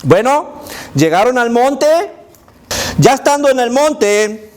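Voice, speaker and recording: A male children's pastor teaches kids a Bible story lesson in a high voice at an unhurried pace. Animated and emphatic, he invites listeners to imagine the scenes and slips stray English words into his Spanish. There's slight background noise.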